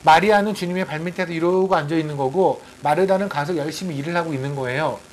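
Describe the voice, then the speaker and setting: A man preaching a sermon as a missionary, in a lively conversational way, acting out quotes and firing rhetorical questions. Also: a little high, quick pace, slight background noise, low-quality recording.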